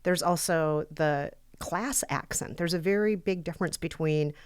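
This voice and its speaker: A woman's voice: deep voice, measured pace, smooth, dry recording, studio quality. A woman co-hosting a podcast, chatting in a wry, explanatory way. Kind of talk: casual podcast chat.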